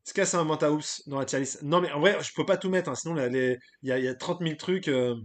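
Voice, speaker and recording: A man with a fairly high voice runs a relaxed live stream. He chats loosely and gives his opinions, stopping often to hesitate and to greet people in the chat. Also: fast talker. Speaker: streamer hosting a live tier list. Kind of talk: casual live-stream chat, reading the chat aloud.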